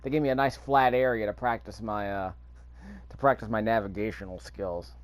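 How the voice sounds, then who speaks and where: Recording let's play commentary, a man plays and mutters offhandedly to himself, game audio and ambience running underneath. His lowish voice is smooth and a little fast, with fairly even intonation.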